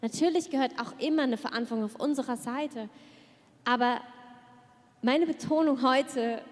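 A woman pastor preaching an earnest sermon, dropping to a hush at prayerful moments. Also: sits high. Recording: long reverb of a church hall.

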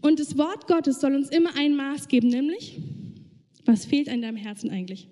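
A woman's voice: sits high, normal speed, warm tone, long reverb tail. A woman preaching a sermon, speaking earnestly and directly to her listeners.

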